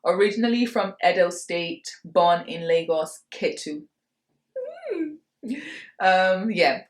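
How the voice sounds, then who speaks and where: A Nigerian woman in her late twenties, a vlogger, chats casually to camera through a Q&A, laughing between answers. Her fairly low voice is animated though slow-paced, and the recording has a roomy echo.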